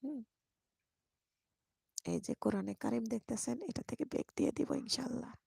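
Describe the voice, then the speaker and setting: Woman streamer, quiet bedside live chat, husky dark voice, dry close mic. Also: a little high, normal speed, no echo. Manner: speaks softly and quietly so a sleeping baby stays asleep. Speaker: live streamer greeting viewers. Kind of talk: casual live chat, reading comments. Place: bedroom, lying on the bed beside her baby. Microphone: microphone.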